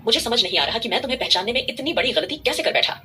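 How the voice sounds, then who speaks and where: A woman's voice: fairly high pitch, lively intonation, rapid-fire, sharp tone, faint music behind, pitched above the performer's own voice. A woman voicing an arrogant, cruel young billionaire man who sneers with contempt. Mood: contemptuous.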